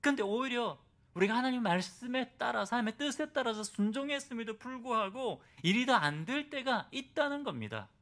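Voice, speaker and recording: High, animated man preaching a sermon. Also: fairly quick. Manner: asks the congregation rhetorical questions; acts out biblical voices in quotes. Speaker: pastor. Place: church service.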